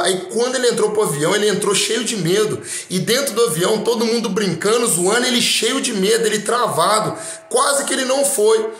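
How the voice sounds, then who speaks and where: A man's voice: sits high, a bit bright. A man with a Brazilian Portuguese accent giving a motivational talk, speaking emphatically and straight to the listener with repeated phrases. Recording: roomy echo.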